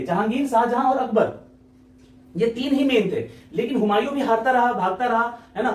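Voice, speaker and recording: A male exam-prep teacher talks at a rapid clip, repeating points and checking in with his listeners. His voice sits high, and he sounds a little far from the mic in an echoey room.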